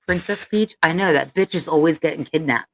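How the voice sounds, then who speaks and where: A woman's voice: low-pitched, a little fast, no echo. A woman co-hosting a sports podcast, teasing her partner, telling jokes and reading sponsor spots. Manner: teasing, giggly, reads ad reads. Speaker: podcast co-host. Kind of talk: casual sports podcast banter.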